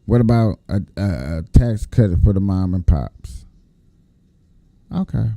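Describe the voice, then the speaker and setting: A man with an American accent and a very mellow, dark voice, recorded close and dry. He gives casual, folksy commentary at a slow pace, swearing and repeating himself for emphasis. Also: sits low, expressive, vocal fry, no room sound, dull audio. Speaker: host reacting to clips from his news feed.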